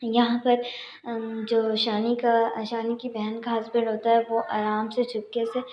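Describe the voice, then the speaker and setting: A young woman chats her way through a drama recap in a fairly high, flat voice that barely rises or falls. She pauses often on fillers. The sound is roomy and a little dull. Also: slight background noise. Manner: chatty, with frequent fillers. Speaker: channel host. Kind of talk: casual drama episode recap.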